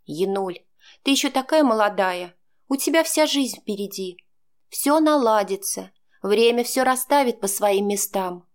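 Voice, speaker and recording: A woman voicing a caring female friend who talks softly and comfortingly in an audiobook. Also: medium pitch, animated, a little slow, natural voice. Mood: soothing. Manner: soft, soothing, half-whispered.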